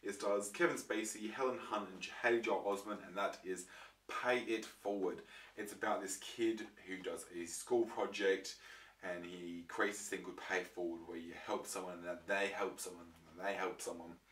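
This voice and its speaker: A young male vlogger shows off his disc collection in a casual chat to camera, his voice croaky from a throat infection. It's deep, slightly bright, and steady at a moderate pace, though he rambles with many ums and restarts. The recording sounds roomy, with the mic far off and faint noise.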